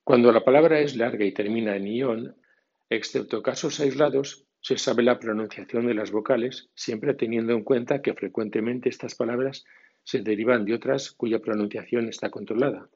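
A man teaching English pronunciation in a scripted podcast lesson, reading rules and word lists slowly and deliberately. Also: mid-range voice, a little mellow, breathy edge, dull audio.

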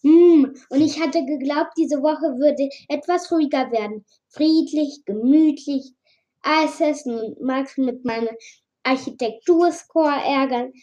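A woman reads a first-person adventure tale aloud in a high voice at an unhurried pace. She stumbles and restarts now and then, keeping it informal. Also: dark tone, dull audio. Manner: slow, with slips and restarts. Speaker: storybook reader. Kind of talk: casual reading of fan fiction aloud.

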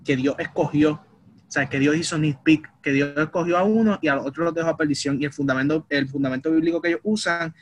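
A man in a casual podcast debate, animated and acting out quoted voices. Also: a little high, brisk. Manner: animated, acts out quoted voices, calls others papi. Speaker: podcast co-host.

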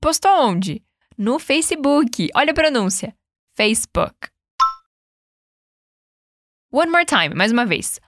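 A Brazilian woman hosting a podcast English lesson, upbeat and coaching, modelling English words slowly and prompting the listener to repeat them. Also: a little high, big pitch swings, fairly bright tone, dry recording, studio quality. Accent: Brazilian Portuguese. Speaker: English teacher and podcast host. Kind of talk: podcast language lesson with repeat-after-me drills.

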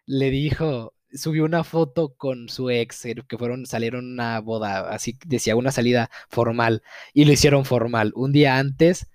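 A man's voice: medium pitch, steady tone, normal speed, darkish tone, no echo, clean studio sound. A young man with a Mexican accent tells a viewer's story in a casual, profane, mock-outraged way, with frequent laughter.

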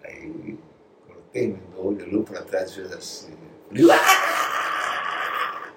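A guest from Brazil, speaking low at an ordinary pace, animatedly recounts studio anecdotes during a casual interview. He acts out what people said and now and then sinks into a whisper. It's recorded in an echoey room on a distant mic with faint noise.

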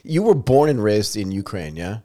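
A man hosting a podcast interview. His voice sits a bit low and swings widely in pitch. He asks long questions and jokes with his guest. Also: moderate pace. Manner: lively, jokey questioner. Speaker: podcast host.

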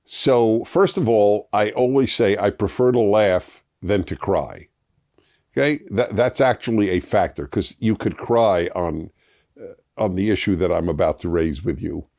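A man's voice: fairly low pitch, unhurried, darkish tone. A man hosting a casual chat with his viewers. He often restarts and repeats words as he digresses. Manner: laughs at himself while explaining. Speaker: host.

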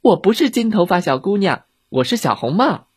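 A clever, cheeky little girl from a children's audio story, as a storyteller puts her on, pitched up high and bright. She plays innocent with a slightly husky edge, and her voice leaps up and down as she chatters. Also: sing-song, moderate pace, no echo, clean studio sound. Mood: cheerful.

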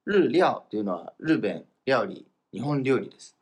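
A man teaching Chinese grammar in a casual, explanatory lesson, slowing down for the example phrases. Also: mid-range voice, sing-song, a little mellow. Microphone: voice message recording.

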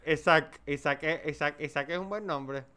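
Venezuelan man, thirties, podcast co-host, self-mocking, bright clear voice. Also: fairly high pitch, moderate pace. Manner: joking, self-mocking, slangy. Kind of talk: casual chat.

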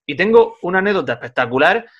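Rapid-fire podcast host. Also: male voice, sits high, big pitch swings, fairly bright tone, muffled recording. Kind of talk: casual chat.

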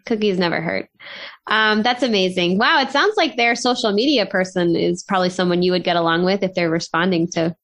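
A woman's voice: on the low side, fairly quick, fairly bright tone. A woman in her thirties from Southern California, co-hosting a podcast in casual, upbeat chat with plenty of fillers and laughter. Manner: chatty, upbeat, laughs often, scattered fillers. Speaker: podcast co-host.

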